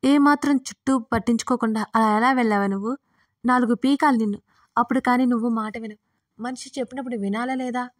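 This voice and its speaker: A woman voicing a protective young female friend who scolds loudly. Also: a little high, fairly even intonation, quick pace, dry recording, clean studio sound, distant mic, close to an everyday voice. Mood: angry. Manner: loud, scolding.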